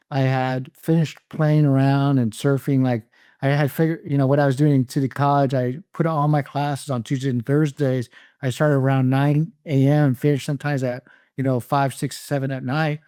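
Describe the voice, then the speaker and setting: A middle-aged man from Canada, raised in California, calmly recounting his life as a podcast guest, with light laughs. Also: mid-range voice, normal speed, clear, resonant tone, dry recording, clean studio sound. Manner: calm, reflective, laughs lightly. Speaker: guest entrepreneur. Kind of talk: casual interview storytelling.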